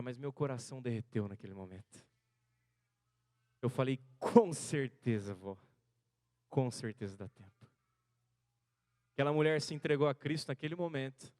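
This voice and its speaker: A man in his thirties from Brazil, a seminarian preaching a sermon built around a personal story, his delivery swinging between hushed and loud, rising passages. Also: medium pitch, no echo, studio quality. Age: 30s. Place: church hall.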